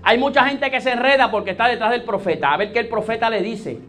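A man preaching a sermon, posing rhetorical questions to his listeners and rising to emphatic, drawn-out peaks. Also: very high voice, a bit bright.

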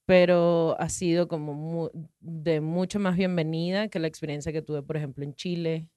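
A woman in her thirties with a Venezuelan Spanish accent guests on a podcast, speaking in a low voice at normal speed. She's relaxed, telling long rambling stories and laughing easily during the casual interview. The sound is clean studio quality with no echo.

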